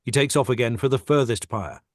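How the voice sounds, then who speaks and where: Man calmly reading stage directions. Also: medium pitch, a little fast, dry recording, studio quality. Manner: steady, matter-of-fact reading of action. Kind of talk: script narration in a table read. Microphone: video call.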